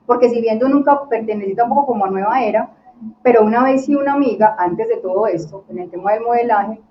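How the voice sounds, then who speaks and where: A woman, a podcast guest telling her own story in a casual, lively way and acting out what people said to her. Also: fairly high pitch, fast talker, reverberant. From Colombia. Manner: lively, acts out quoted dialogue. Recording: dull lo-fi recording with faint noise.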